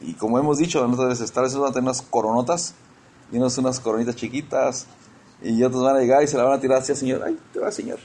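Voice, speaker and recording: A man's voice: medium pitch, fairly even intonation, quick pace, darkish tone, slightly rough. A man preaching a conversational sermon in church, often repeating words as he searches for the next one.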